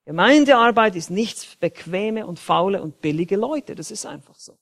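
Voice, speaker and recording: A man preaching a sermon in a church, with emphatic, dynamic delivery that rises loud and drops soft. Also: high voice, lively intonation, normal speed, gravelly. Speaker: pastor.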